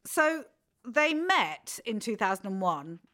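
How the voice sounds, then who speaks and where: A woman's voice: on the high side, big pitch swings, slow, bright, forceful tone. A middle-aged woman, hosting a podcast and telling gossipy stories in a chatty way. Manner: chatty, gossipy storytelling with laughs. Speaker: podcast host. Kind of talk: casual chat.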